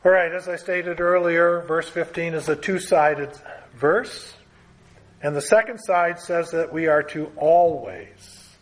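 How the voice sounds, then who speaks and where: A man preaching a Bible teaching sermon in an earnest, emphatic way, building through lists and pressing key words. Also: a little high.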